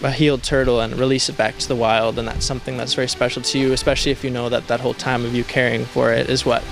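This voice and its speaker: Ein junger amerikanischer Tiermedizin-Student plaudert draußen unbefangen und informell über seine Arbeit. Er spricht mit mittlerer, unauffälliger Stimmlage und Midwest-Akzent. Im Hintergrund ist klar Musik zu hören. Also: male voice, medium pitch, fast talker, gravelly. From central United States. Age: young adult. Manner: relaxed, informal, with fillers like 'like' and 'kind of'. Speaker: veterinary student volunteer. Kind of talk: casual interview. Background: background music.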